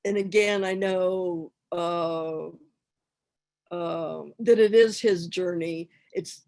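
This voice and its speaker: A woman volunteer giving a casual personal account, halting and repeating herself as she searches for words. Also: lowish voice, steady tone, darkish tone. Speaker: hospice volunteer seeking advice.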